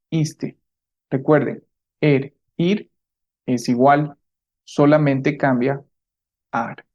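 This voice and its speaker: A man teaching a language lesson, modeling words slowly for learners and often checking in with a rising question. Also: medium pitch, darkish tone, dull audio. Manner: slows down to model pronunciation. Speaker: Spanish teacher. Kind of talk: slow, clear language lesson.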